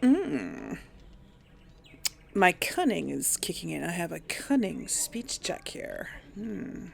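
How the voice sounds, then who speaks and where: Fairly low and gravelly with a sing-song lilt, a woman takes her time speaking. She hosts a role-play gaming video, casually musing and reading out dialogue choices, combining chatty game commentary with in-character dialogue.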